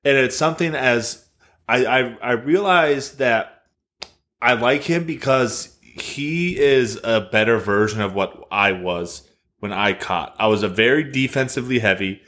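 A man's voice: medium pitch, a little slow, a bit bright. A man co-hosting a podcast, giving thoughtful, detailed explanations in casual sports chat. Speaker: podcast co-host.

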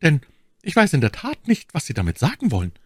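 A man's voice: a little high, huge pitch swings, a little fast, slightly rough, no room sound, studio quality, pitched above the performer's own voice, exaggerated voice. A man voicing a cold, scheming young noblewoman with a cutting, mocking tone in an audiobook. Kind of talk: audiobook character voice.

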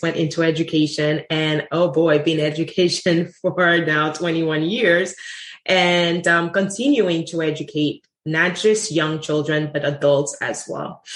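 A woman in her forties from Haiti, a leadership coach, telling her story earnestly and reflectively in an interview. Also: low-pitched. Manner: earnest, reflective, with light laughs. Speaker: guest, executive leadership coach. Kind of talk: interview answer, personal story. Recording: roomy echo.

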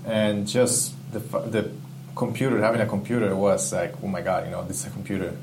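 Man, lowish voice, enthusiastic interview guest, steady hum behind. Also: a little fast, vocal fry. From Ecuador. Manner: enthusiastic, reflective, searching for words. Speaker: guest, game UI/UX artist. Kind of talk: casual interview chat.

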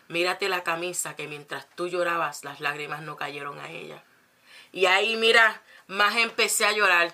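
Bright-voiced woman preaching fervently. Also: on the low side. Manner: fervent, repeats phrases, asks rhetorical questions. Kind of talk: preaching to a congregation.

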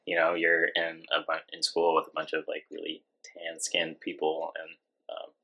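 A man from Hawaii being interviewed, talking in a relaxed, rambling way with lots of fillers. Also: a bass voice, moderate pace, vocal fry, poor audio. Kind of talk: casual interview conversation.

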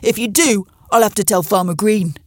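A woman voicing a quarrelsome, boastful old male crow in a storybook reading, croaking and blustering. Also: medium pitch, moderate pace, no room sound, studio quality, close to an everyday voice. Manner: blustering, demanding.

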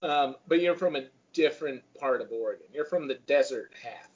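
A man's voice: medium pitch, fairly quick, breathy edge. A man co-hosting a podcast, chatting casually in a rambling way with dry jokes and laughs, from Vermont. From Vermont, USA. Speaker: podcast co-host. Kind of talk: casual chat. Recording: dull lo-fi sound.

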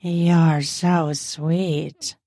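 Woman reading a husky seductive wife for an erotic story, soft purr, dark and dry. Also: low-pitched, slow pace, no room sound, pitched below the performer's own voice, full character voice. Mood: sultry. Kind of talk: read-aloud erotica.

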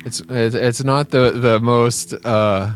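A man in a casual movie discussion, halting and searching for words. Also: mid-range voice, steady tone.

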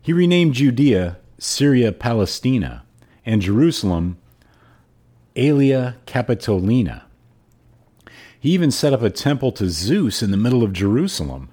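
A man hosting a podcast and reading aloud in a hoarse, froggy voice. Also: medium pitch, sing-song, normal speed, dark tone. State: hoarse throat. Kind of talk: audiobook-style reading and podcast sign-off.

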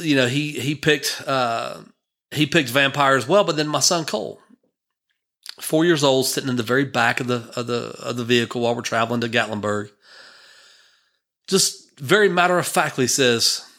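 A man's voice: medium pitch, pushed and bright. A man in his fifties, a church minister, telling a personal story in a rambling, conversational way. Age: 50s.

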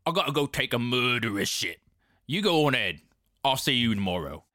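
A man voicing a gruff, suspicious middle-aged male power plant worker who growls his lines. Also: medium pitch, sing-song, a little fast, sharp tone, dry recording, clean studio sound. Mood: casual.

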